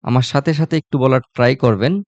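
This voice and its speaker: A man leads a live online English class, saying each letter and asking the class to repeat it back. His voice sits at an ordinary pitch and sounds dry and close, with a slightly dull, muffled tone. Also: a little fast, no room sound. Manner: repeats and quizzes the class, asking what it will be; conversational, addresses viewers directly with religious phrases. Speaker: English teacher.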